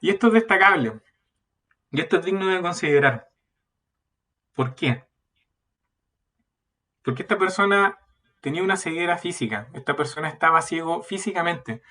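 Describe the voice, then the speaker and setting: Guy preaching a sermon, pretty high voice, mic kinda far off, gets earnest and loud. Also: lively intonation, normal speed, pauses often.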